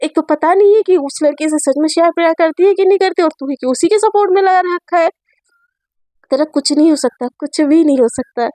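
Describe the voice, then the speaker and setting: A woman's voice: extremely high pitch, a little fast, warm tone, no room sound. A woman voicing a middle-aged mother who scolds and doubts in an exasperated way. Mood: scolding.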